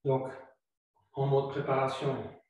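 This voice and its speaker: A man guiding a yoga flow class, calm and instructive, repeating his cues slowly. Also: mid-range voice. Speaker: yoga teacher. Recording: very echoey room, voice far from mic.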